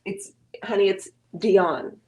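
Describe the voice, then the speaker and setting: A woman's voice: mid-range voice, very animated, slow pace, a little mellow. A woman hosting a live painting stream, chatting casually, greeting viewers by name and teasing her husband as she works.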